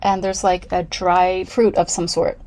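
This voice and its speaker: A woman's voice: lowish voice, level tone, unhurried, warm tone. A woman vlogging casually from home, reviewing beauty products in a rambling, candid way with self-deprecating asides.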